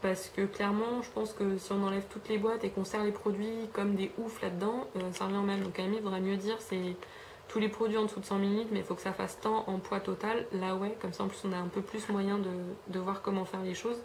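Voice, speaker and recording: Chatty French woman with a gravelly voice. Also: mid-range voice, little pitch movement, a little fast, darkish tone, a little hiss or hum. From France. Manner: chatty, rambling, with frequent fillers and self-corrections. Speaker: beauty vlogger. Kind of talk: casual haul review chat.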